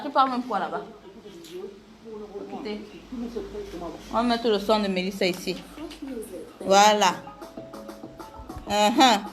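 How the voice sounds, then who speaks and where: A woman chatting casually with viewers during a live makeup tutorial, greeting them by name. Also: on the high side.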